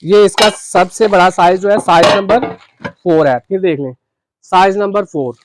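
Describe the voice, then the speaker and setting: Chatty shopkeeper, high voice. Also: male voice, moderate pace, background noise. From Pakistan. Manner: chatty, peppers phrases with "ji". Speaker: shopkeeper showing cookware. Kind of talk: casual product demonstration. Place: shop.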